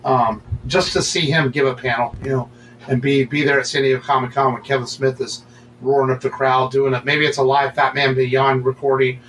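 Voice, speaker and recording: A man's voice: mid-range voice, flat delivery, a little fast, fairly bright tone, low-quality recording. Male podcast co-host, casual and rambling, full of ums and restarts, with faint noise behind him. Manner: rambling, many fillers and restarts.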